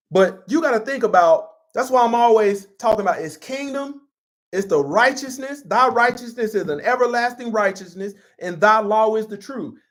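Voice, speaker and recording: A man preaching a sermon in an emphatic, conversational style and repeating himself for force. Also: high-pitched. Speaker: pastor.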